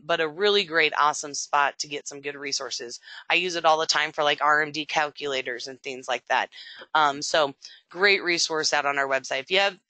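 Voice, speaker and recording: Bright, upbeat agency trainer. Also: mid-range voice, dry recording. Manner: conversational, frequent "um" fillers; upbeat promotional tone. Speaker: agency sales support representative. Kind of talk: training webinar presentation.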